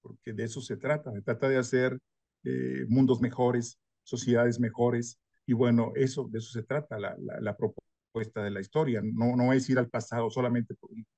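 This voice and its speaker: Older male historian, thoughtful interview guest, mid pitch, dry recording. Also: level tone, moderate pace, vocal fry, dark tone, dry recording. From northern Mexico. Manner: thoughtful, frequent tag questions, light self-deprecating humor. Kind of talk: reflective interview answer.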